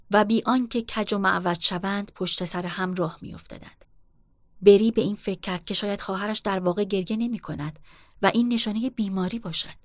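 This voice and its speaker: A woman reading a novel aloud in a steady, measured way as an audiobook narrator. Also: mid-range voice, no echo, studio quality. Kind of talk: scripted narration.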